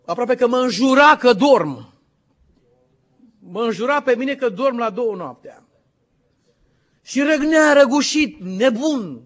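High-voiced impassioned male preacher. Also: animated, long pauses, fairly bright tone. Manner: impassioned, quizzes the congregation. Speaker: pastor. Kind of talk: sermon. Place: church in the United States. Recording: dull lo-fi recording.

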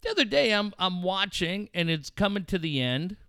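A man's voice: sits high, big pitch swings, normal speed, pushed and bright, clean tone, no room sound, studio quality. A middle-aged man from Southern California hosting talk radio, rambling and swearing in casual banter. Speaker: radio show host.

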